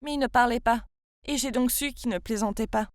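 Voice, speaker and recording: A woman in her twenties from France tells her own story in the first person, in a confiding and emotional way. Her voice is fairly high. The recording is a dry, close voice-over. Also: fairly quick, no room sound. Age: 20s. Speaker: narrator.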